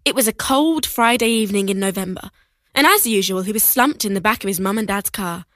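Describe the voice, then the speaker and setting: A woman reading excerpts from several children's and teen books aloud, with expressive, animated storytelling. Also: medium pitch, fairly quick, dry recording. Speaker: reader.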